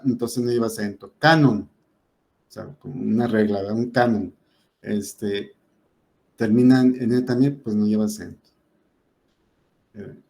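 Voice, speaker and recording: Man teaching grammar in a mellow voice. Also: mid-range voice. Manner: explanatory, many "este" fillers, self-corrects. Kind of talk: spoken lesson on Spanish accent rules.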